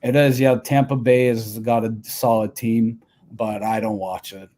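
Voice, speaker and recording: Mellow-voiced man in casual sports chat. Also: lowish voice, flat delivery, unhurried. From Albania. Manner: rambling, many fillers and restarts. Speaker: co-host.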